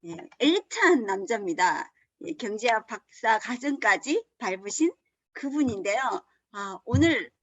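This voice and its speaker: A woman's voice: on the high side, no echo. A woman hosting an online Zoom seminar, greeting everyone and introducing the speaker in an upbeat emcee manner over a video call. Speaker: seminar host.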